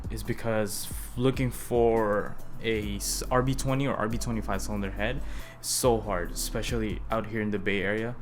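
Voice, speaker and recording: A man's voice: fairly low pitch, fairly even intonation, moderate pace, hardly any pauses, slight background noise. Casual rambling young man vlogging. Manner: loose, rambling, with frequent restarts. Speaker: car project vlogger. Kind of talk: casual vlog talk to camera.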